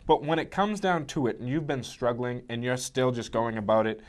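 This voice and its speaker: Man, mid-pitched, easygoing sports co-host who rambles and restarts. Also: a little fast. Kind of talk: casual sports chat.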